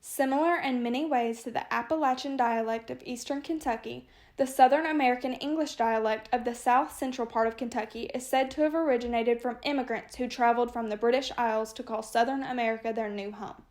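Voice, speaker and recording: A woman reading a prepared class presentation in an even manner. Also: fairly high pitch, brisk, hardly any pauses. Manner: reads a prepared text evenly. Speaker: student presenter. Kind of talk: scripted narration.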